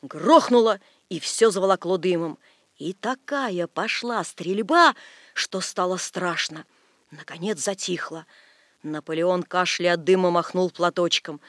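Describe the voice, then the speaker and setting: A man narrating a literary tale aloud with expressive, lively storytelling. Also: high voice, unhurried, no echo, studio quality.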